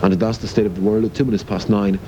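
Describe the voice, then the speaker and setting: Brisk newsreader on a tinny radio. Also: male voice, lowish voice, fairly even intonation. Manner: brisk, formal delivery. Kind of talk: read news bulletin. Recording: tinny old radio broadcast with clear hiss.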